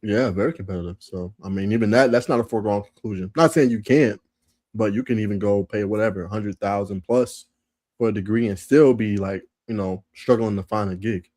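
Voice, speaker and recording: A man co-hosting a sports podcast while sick with a sore throat, talking in a relaxed, slangy way. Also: lowish voice, fairly quick, dry recording. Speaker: podcast co-host. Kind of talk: casual sports chat.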